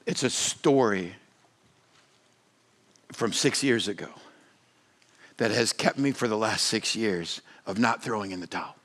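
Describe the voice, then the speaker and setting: A male pastor telling a comic story in a sermon, animated and rising in pitch as he gets excited. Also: unhurried, long pauses. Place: church or conference hall.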